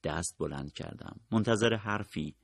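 A man narrating a novel in a calm, measured way, his voice sitting very low with a gravelly edge. The sound is dry and close, with no room around it. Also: no room sound. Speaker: audiobook narrator. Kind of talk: scripted literary narration.

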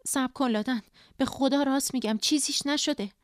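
A woman reading Farah, an anxious woman pleading to calm her sister, in a storybook. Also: medium pitch, no echo, studio quality, natural voice. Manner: urgent, pleading reassurance.

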